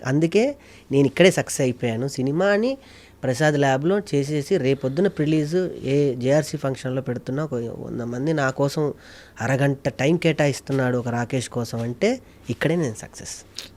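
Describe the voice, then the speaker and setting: A man's voice: medium pitch, normal speed, a little mellow. A man, a mimicry artist and producer, talking emotionally and repeating himself for emphasis as an interview guest. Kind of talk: casual interview chat.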